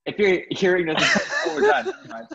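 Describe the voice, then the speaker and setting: A man's voice: sits high, wildly swooping pitch, brisk, vocal fry, a bit bright, lo-fi sound, slight background noise. A young man co-hosting a casual podcast, giggly and teasing. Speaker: podcast co-host.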